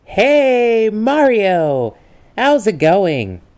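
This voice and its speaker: An actor playing a mischievous young trickster and liar in an amateur comedic role-play, coy and teasing with drawn-out feigned innocence. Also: male voice, sits high, very animated, a little mellow, exaggerated voice. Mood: chirpy.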